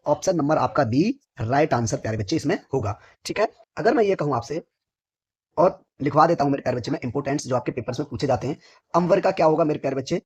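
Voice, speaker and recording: Hoarse husky male Hindi teacher. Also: fairly high pitch, animated, fast talker, a little mellow. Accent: North Indian Hindi. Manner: asks each question then answers it himself, repeating an endearment for his students. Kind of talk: exam-prep vocabulary lesson.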